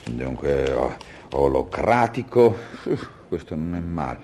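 A man playing an exasperated husband who stammers, fakes calm and breaks into high shouts. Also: a little slow, creaky, a little hiss or hum, full character voice. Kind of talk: comic radio sketch acting.

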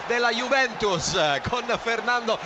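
A man giving live football commentary in an excitable, dramatic manner with florid phrasing. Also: very high-pitched, measured pace. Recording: loud stadium crowd and noise. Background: cheering stadium crowd.

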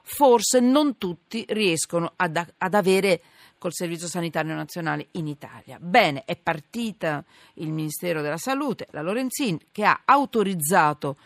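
A woman's voice: on the low side, expressive, moderate pace, no echo. A woman presenting a live current affairs radio show in an informal, emphatic way, wandering and repeating herself. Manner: informal, emphatic, digressive with repetitions. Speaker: radio host. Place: radio studio. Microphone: studio broadcast microphone.

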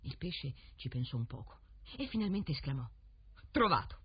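Fairy-tale reader, expressive, very husky, lively pitch, dull lo-fi sound. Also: brisk. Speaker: storyteller. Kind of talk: reading a fairy tale aloud.

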